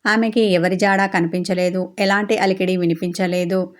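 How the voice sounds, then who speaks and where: A woman reading a novel aloud as storyteller, in a steady, even manner. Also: fairly low pitch, moderate pace. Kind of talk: audiobook novel narration.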